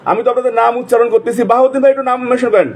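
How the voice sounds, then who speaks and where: Man live-streaming, very high husky voice, rattling off names. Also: fairly even intonation, a little mellow. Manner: repetitive, rapid name calling. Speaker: livestream host. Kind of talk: casual live-stream shout-outs.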